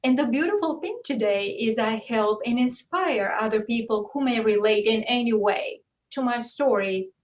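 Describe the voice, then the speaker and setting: A woman's voice: fairly high pitch, moderate pace, hardly any pauses, far from the mic, rough recording. A woman in her fifties from Bulgaria, telling her personal story earnestly as a talk-show guest over a video call. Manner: earnest, steady and heartfelt. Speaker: guest author.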